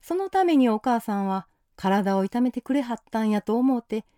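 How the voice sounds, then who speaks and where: A woman's voice: on the high side, expressive, normal speed, mellow, dry recording, clean studio sound, close to an everyday voice. A woman voicing a stern but caring older church minister who speaks firmly in Kansai dialect. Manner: firm, blunt Kansai-dialect speech.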